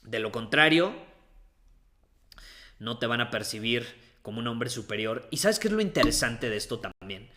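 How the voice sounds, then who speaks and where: A man's voice: medium pitch, expressive, sharp tone. A young man giving a motivational talk on confidence, stressing and repeating his key points. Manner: emphatic, repeats key phrases, slows down on points. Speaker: coach giving dating and confidence advice.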